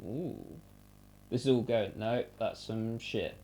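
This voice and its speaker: A man's voice: lowish voice, takes it slowly, dark tone. A man co-hosting a podcast from home, chatting casually with dry, joking banter. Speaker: podcast co-host. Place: home, in Edinburgh.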